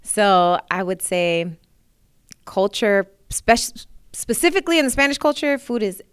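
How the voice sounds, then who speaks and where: Smooth-voiced woman chatting in an interview. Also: mid-range voice, expressive, a little slow, dry recording, studio quality. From New York, USA. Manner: warm, chatty, laughs often. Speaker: singer, interview guest. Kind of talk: casual interview chat.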